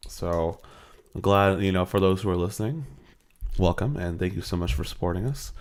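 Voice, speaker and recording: A man's voice: low-pitched, moderate pace, a little mellow. A tired, hungover American man hosting a podcast in a casual, rambling chat. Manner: informal, rambling. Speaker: podcast host.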